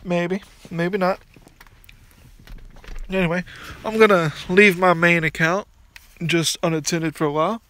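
Rambling young man, high voice. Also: steady tone, measured pace, pauses often, fairly bright tone. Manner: rambling, restarts often, mildly crude. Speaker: gaming YouTuber. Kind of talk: casual gameplay commentary. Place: outdoors by a backyard pool. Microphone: phone.

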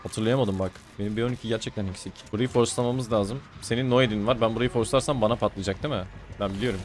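A man's voice: fairly low pitch, fairly even intonation, very fast. A man giving casual running commentary as he plays a game, teasing his opponent and grumbling when things go wrong. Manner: chatty, teasing and exasperated. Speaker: gaming streamer.

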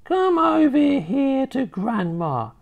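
A storybook reader voicing a sinister, witch-like old grandmother who taunts and threatens in a drawn-out way, slipping into a throaty whisper. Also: very animated, gravelly, narrow, tinny audio, full character voice. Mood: shrill, taunting. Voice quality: shrill and cackling, dropping to a throaty whisper. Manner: slow, drawn-out menacing delivery. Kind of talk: storybook reading.

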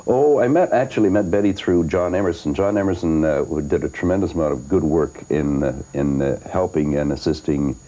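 An older man who sings and acts tells stories in an interview, his rumbling low, dark voice moving briskly with few pauses. He chats with lots of fillers, restarts, and laughs, and the recording is rough.

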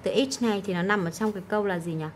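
A woman's voice: medium pitch, very fast, slight background noise. A woman English teacher going through exam answers, explaining key words and often checking in with "right?". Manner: explanatory, frequent "đúng không?" check-ins.

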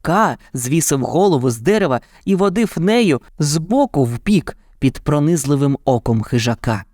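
A man narrating a children's fairy tale in an even, dramatic storytelling manner. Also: fairly high pitch, normal speed, dry recording, studio quality.

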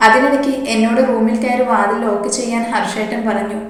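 A woman reading the lines of a frightened, tearful young woman in an audio story, soft and pleading. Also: a little high, steady tone, fairly quick, close to an everyday voice. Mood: shaken. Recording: echoey reverberant room.

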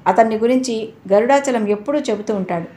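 A woman voicing a short-tempered, blunt, wealthy middle-aged father in a storybook reading, speaking loudly and abruptly. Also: a little high, fairly quick, natural voice. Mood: apologetic. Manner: scolding, loud and abrupt.

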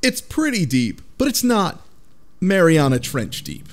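This man, a podcast panelist, has a high-pitched voice and an unhurried delivery. In a relaxed group conversation he recounts a story at rambling length, voicing each line of dialogue with animation.

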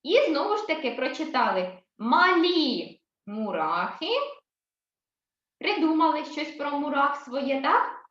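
A woman teacher giving a recorded reading lesson to young children, speaking slowly and clearly and repeating herself for them. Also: sits high, lively intonation, a bit bright, echoey room, muffled recording. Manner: slow, clear and repetitive, addressing children. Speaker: primary school teacher.

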